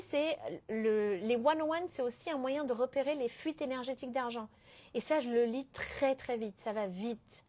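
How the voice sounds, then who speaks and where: High-voiced woman coaching live. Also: a little mellow. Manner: mixes English phrases into French; emphatic, keeps asking "ok?". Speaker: business coach. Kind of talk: live-stream coaching talk.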